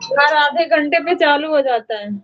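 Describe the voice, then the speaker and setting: A woman singer chatting casually with viewers on a livestream from her home. She talks easily with her audience and gently coaxes and soothes small children nearby. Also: sits high, moderate pace. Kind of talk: casual live chat. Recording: dull lo-fi livestream audio with faint noise.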